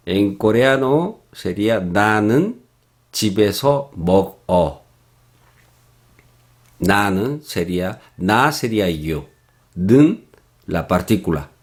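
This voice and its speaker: A man teaching a Korean lesson from slides, explaining slowly with pauses and soft hums. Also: low voice. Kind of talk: slide-based language lesson.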